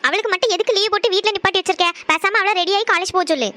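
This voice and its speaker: A woman voicing an indignant younger schoolgirl sister who complains loudly. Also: very high voice, racing. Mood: complaining. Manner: whiny, complaining.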